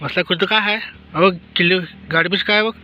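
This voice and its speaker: A woman's voice: on the low side, fairly even intonation, fast talker, pushed and bright, slight background noise. A woman, chatting in a family vlog and coaxing a child with repeated questions. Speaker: vlogger interviewing a child. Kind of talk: casual family vlog chat. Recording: dull lo-fi phone audio.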